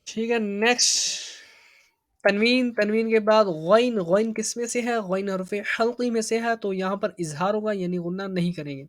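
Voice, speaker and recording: A woman teaching a tajweed lesson to children. She draws out each syllable slowly when spelling it out, then speeds up to explain the rules, asking and answering her own questions. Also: medium pitch, fairly even intonation, no echo, studio quality. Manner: slow drawn-out spelling, then brisk explaining. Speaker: Quran reading teacher.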